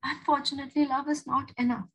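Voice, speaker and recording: A woman voicing a tender, loving young woman torn by guilt, speaking softly and affectionately. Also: high voice, level tone, quick pace, voice pushed up, poor audio.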